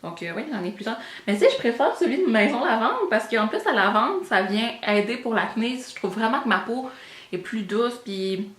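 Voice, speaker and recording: A young woman with a Québécois French accent, a beauty vlogger, chats and rambles about her beauty purchases, slipping English words in. Her fairly high, slightly bright voice has lively intonation at a normal speed, in a roomy-sounding space.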